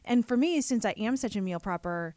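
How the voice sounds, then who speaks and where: A woman's voice: mid-range voice, animated, a little fast, warm tone, no echo. Casual, rambling woman podcast host. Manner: rambling, self-deprecating. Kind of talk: casual chat. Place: room at a gym.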